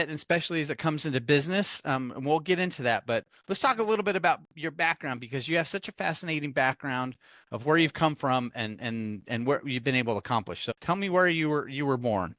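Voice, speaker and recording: A man hosting a business podcast, introducing his guest and asking questions in an upbeat, animated way. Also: on the high side, fairly quick, no room sound. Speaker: podcast host. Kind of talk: interview hosting.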